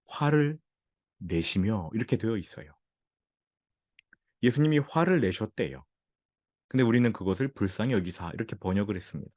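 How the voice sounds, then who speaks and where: Korean pastor preaching, low dry voice. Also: male voice, dry recording. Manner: animated preaching, acting out quoted speech. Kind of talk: sermon.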